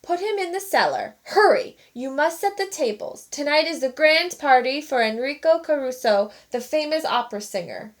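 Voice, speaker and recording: A woman voicing a gruff, bossy middle-aged chef who is a father, roaring orders in a storybook read-aloud. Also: high voice, lively intonation, normal speed, few pauses, pitched above the performer's own voice. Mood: stern.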